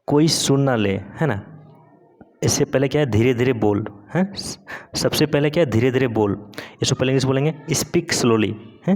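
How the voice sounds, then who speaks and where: A man's voice: medium pitch, a little mellow. Hindi-speaking man teaching English grammar. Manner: keeps asking "है ना?", drills example sentences slowly.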